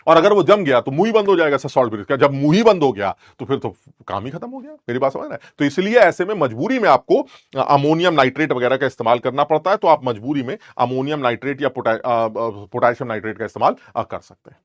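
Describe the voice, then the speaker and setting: A man's voice: medium pitch, animated, quick pace, hardly any pauses, no echo, clean studio sound. A young male chemistry teacher, rambling and joking as he scolds his students playfully. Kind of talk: lecture with teasing asides.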